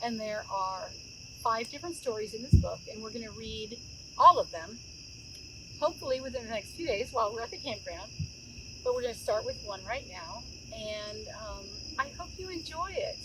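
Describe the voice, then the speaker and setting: In a slightly high, sing-song voice at normal speed, a middle-aged woman hosts a children's story time by a campfire in the woods. She keeps things conversational, speaking straight to the young audience and asking them questions. Crickets and insects chirp clearly in the outdoor setting.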